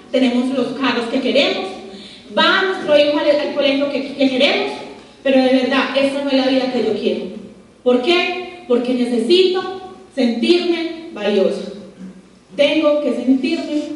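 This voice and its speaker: High-voiced woman giving a motivational speech. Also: a little hiss or hum. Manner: emphatic, poses rhetorical questions to the audience. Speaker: speaker at a business opportunity meeting. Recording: roomy echoing hall, voice from far off.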